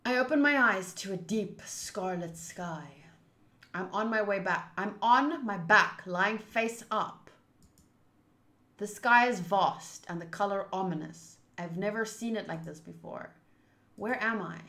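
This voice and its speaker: A woman livestreams a visual novel playthrough, chatting informally, thinking aloud and reading the game's text aloud. Her mid-range voice is bright and forceful yet unhurried, in an echoey room.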